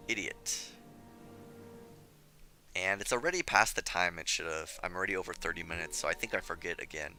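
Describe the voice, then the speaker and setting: A slightly hoarse young man commenting on his strategy game as he plays, chatty and scolding himself for his mistakes. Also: deep voice, quick pace, few pauses, pushed and bright, soft background music. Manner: self-critical, chatty, thinking aloud. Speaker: gameplay commentator. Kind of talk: let's play commentary.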